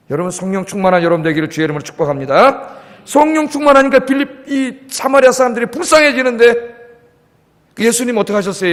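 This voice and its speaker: A pastor in his fifties preaching a sermon with emphasis, often asking his congregation questions. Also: sits high. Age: 50s. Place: church sanctuary. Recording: long church hall reverb.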